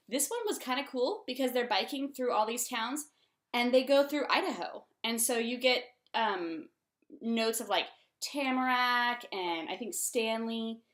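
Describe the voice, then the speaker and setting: A woman's voice: a little high, a bit bright. A young woman chatting casually about books she has read as the host of her own vlog, filling her talk with um and like. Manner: chatty, many ums and likes. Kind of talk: casual book-review chat.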